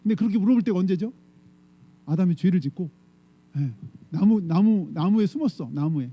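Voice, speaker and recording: A man's voice: high voice, expressive, fairly quick, lo-fi sound. A male pastor preaching a conversational sermon to his congregation, often putting questions to them and answering himself. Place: church sanctuary.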